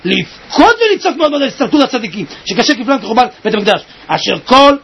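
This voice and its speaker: A man giving an impassioned sermon, swinging between tearful shouts and low, quiet murmurs, with a husky voice. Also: big pitch swings, highs cut off. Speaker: preacher.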